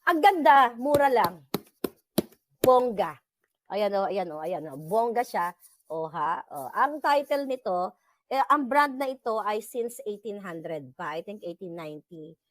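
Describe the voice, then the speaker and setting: A woman's voice: medium pitch, lively intonation, measured pace. A woman with a Filipino accent chats casually with her viewers, switching between Tagalog and English and laughing easily. Her voice sits in a middle register. The sound is close and dry, with no room echo. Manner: chatty, mixes Tagalog and English, laughs often. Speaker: livestream host.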